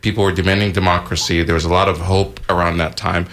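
Man from Egypt, radio talk show host, very low voice, gravelly fry, halting delivery with fillers. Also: level tone, fairly bright tone. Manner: hesitant, frequent fillers and restarts. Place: radio studio.

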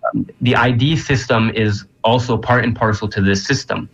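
A man of Palestinian American background answering interview questions earnestly, often pausing with fillers. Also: medium pitch, fairly even intonation, creaky, fairly bright tone, husky, muffled recording. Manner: earnest, searching for words with frequent fillers. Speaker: guest.

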